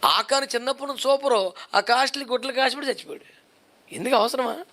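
A man's voice: very high voice, a little fast, sharp tone. A male pastor preaching a sermon, driving his points home with repeated rhetorical questions.

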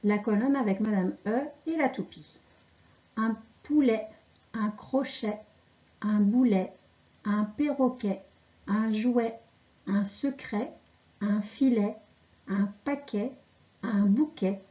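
A woman teaching children to read, pronouncing syllables and words slowly and carefully. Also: medium pitch, muffled recording. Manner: slow, carefully articulated dictation. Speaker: reading teacher. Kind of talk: slow reading lesson for children.

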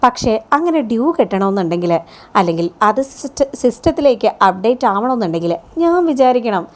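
A woman's voice: on the high side, expressive, fairly quick, close to an everyday voice. A woman voicing a sleazy male loan manager who pesters a borrower in a storybook-style retelling, talking in a wheedling, smarmy way. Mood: leering.

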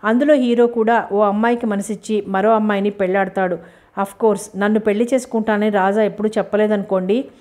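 A woman's voice: mid-range voice, steady tone, fast talker, a little mellow. Woman narrating a novel audiobook. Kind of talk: first-person novel narration.

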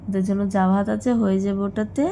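A young woman with a Bengali accent chatting casually in a home vlog, worn out and coughing, her voice going hoarse. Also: medium pitch, completely flat delivery, fast talker, warm tone, reverberant, a little hiss or hum. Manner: chatty, rambling, tired. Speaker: vlogger. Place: at home, indoors.

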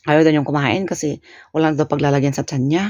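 A woman's voice: sits low, fairly even intonation, fast, a little mellow, no room sound, dull audio. A woman from the Philippines telling a casual story on her vlog, chatty, laughing often and trailing off with fillers. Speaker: vlogger. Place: home in Korea.

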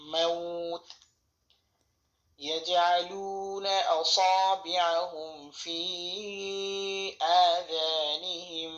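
Bright-voiced man teaching Quran recitation. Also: a little high, roomy sound. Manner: spells letters and vowel marks step by step, then recites slowly; corrects wrong pronunciations by contrast. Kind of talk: tajweed lesson, spelling and reciting. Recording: dull lo-fi recording.

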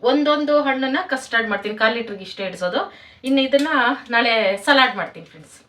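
A woman's voice: on the high side, fast talker, bright, forceful tone, recorded from a distance. Chatty woman vlogging in an echoey home. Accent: rural Karnataka Kannada. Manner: chatty, addresses viewers as friends. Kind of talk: chatty cooking vlog. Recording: roomy home room, off-mic, faint noise.

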